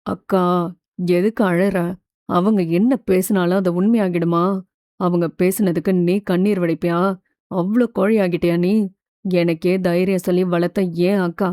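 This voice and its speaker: A woman's voice: lowish voice, flat delivery, a little slow, warm tone, no room sound, studio quality, voice pushed down, close to an everyday voice. A woman voicing a protective young man who comforts his older sister, in an audiobook. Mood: coaxing. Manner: earnest, coaxing, reassuring.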